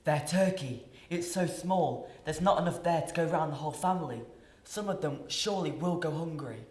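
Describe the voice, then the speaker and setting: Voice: medium pitch, normal speed, darkish tone, close to an everyday voice. A teenage pupil playing Scrooge, a miserly, bitter and remorseful old man, with dramatic, anguished delivery in a radio play. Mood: uneasy. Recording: roomy echo.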